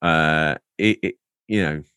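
A man's voice: a bass voice, slow pace, pushed and bright, smooth, no room sound, clean studio sound. A man hosting a podcast in casual chat, reading out listener comments with playful, rambling asides. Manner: playful, rambling, theatrical emphasis. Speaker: podcast host.

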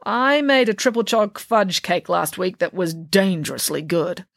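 A woman's voice: lowish voice, unhurried, creaky, dry recording, studio quality. A woman voicing a bossy, shrewd, cake-loving nanny who talks in a grand, boastful way.

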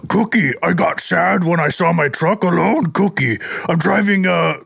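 A man putting on a Cookie Monster voice, a furry cookie-loving creature, halting and repeating the word cookie. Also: high-pitched, fairly bright tone, no room sound, clean studio sound, voice pushed up, heavily acted. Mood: mournful. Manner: gravelly, halting, keeps saying cookie.

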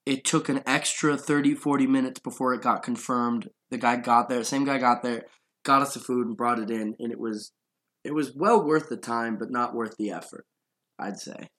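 A young man in casual podcast chat, telling a long story in loose, rambling sentences. His voice sits at an ordinary mid pitch, and he laughs easily as he goes. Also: moderate pace, fairly bright tone. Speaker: podcast host.

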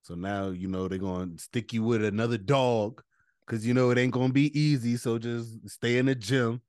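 A man's voice: medium pitch, steady tone, normal speed, a little mellow, no echo, clean studio sound. A man co-hosting a casual sports podcast, laid-back and playful, with loose slangy talk. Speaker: podcast co-host.

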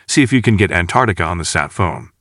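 A man reading the part of a woman military captain in an audiobook, barking short orders in a brisk, commanding way. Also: low voice, animated, fairly bright tone, dry recording, clean studio sound, pitched below the performer's own voice.

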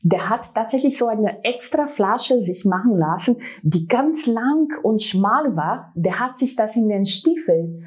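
On a talk show, a brand manager from Brazil speaks with enthusiasm and plenty of fillers, her Brazilian accent reflecting her native Portuguese. Her husky voice sits on the high side, animated but at a measured pace.

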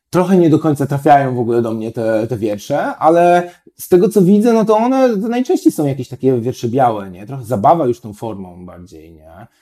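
A man's voice: a little high, dark tone. A man chatting as a guest writer, talking in a hesitant, rambling way with many fillers and tag questions. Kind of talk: casual chat.

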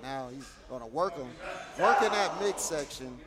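A man's voice: medium pitch, animated, moderate pace. A man working as a wrestling commentator, calling the action live and bantering with his colleagues. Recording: loud crowd noise. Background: wrestling crowd.

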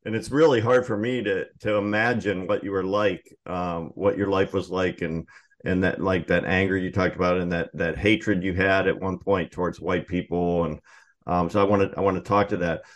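A man's voice: low voice, fairly even intonation, normal speed. Hesitant man asking interview questions. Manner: hesitant, filler-heavy questions. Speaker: interviewer, host. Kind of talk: casual conversational interview.

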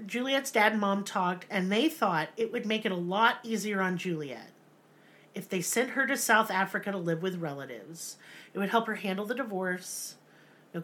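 Bright-voiced woman telling a story casually. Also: mid-range voice. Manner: profane, jokey storytelling with mock voices. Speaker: podcast host. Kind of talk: casual true-crime podcast chat.

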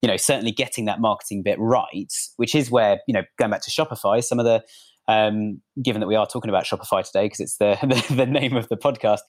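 A man's voice: fairly low pitch, fast. A man hosting a podcast, chatting casually and drawing on his own business. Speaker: podcast host.

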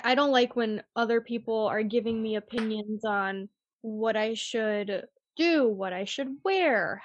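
A woman in her twenties, employed as a real estate agent, handles interview questions in a blunt, casual manner, playing out quotes in animated asides with plenty of "like." Her pitch is medium and there's no echo.

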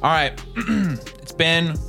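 A man's voice: a little high, animated, slow, vocal fry, sharp tone, faint music behind. A young man co-hosting a podcast, joking, teasing and rambling in casual chat. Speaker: podcast co-host.

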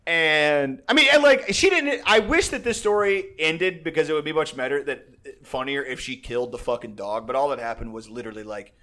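A man's voice: medium pitch, sharp tone. A young man telling a story in a casual, profane, rambling way, full of fillers and restarts and laughing often.

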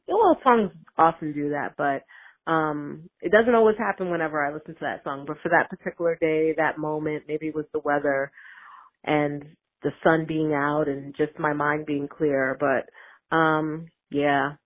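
Woman caller leaving a voicemail, thoughtful and halting, heard over a thin phone line. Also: sits low. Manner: hesitant and reflective, many ums. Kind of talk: casual voicemail message.

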